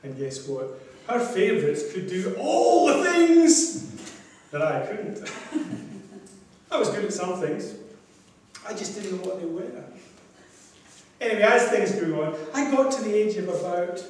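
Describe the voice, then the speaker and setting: An older man speaks slowly and deliberately from a distance, his fairly high voice ringing around a large echoing hall. A faint hiss of room noise sits behind him. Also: a little mellow. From Scotland. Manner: measured storytelling with pauses. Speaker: club speaker. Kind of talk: prepared club speech. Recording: echoey hall from far off.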